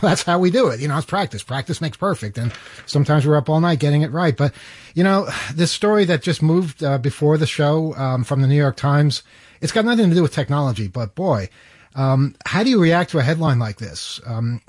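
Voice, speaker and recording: A man's voice: fairly high pitch, lively intonation, a little fast, darkish tone, slightly rough, no room sound, clean studio sound. A man hosting a radio show in a casual, hesitant, conversational way. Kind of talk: casual talk radio chat.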